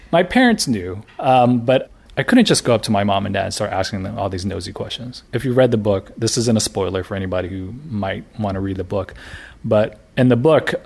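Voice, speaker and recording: Speaking with vocal fry in a mid-range voice, this American man in his thirties, a graphic novelist, chats casually in an interview. His relaxed talk is full of fillers and restarts.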